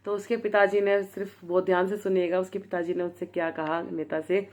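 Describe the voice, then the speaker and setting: A woman's voice: lowish voice, flat delivery, fairly quick, darkish tone. Chatty woman telling a moral story. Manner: chatty, full of fillers and restarts. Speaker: storyteller channel host. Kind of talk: casual spoken storytelling.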